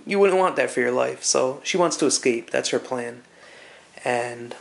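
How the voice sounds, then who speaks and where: A man's voice: medium pitch, vocal fry. A man giving casual, loosely conversational commentary as he recaps a story, rambling and hesitant as he goes. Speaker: comic reviewer.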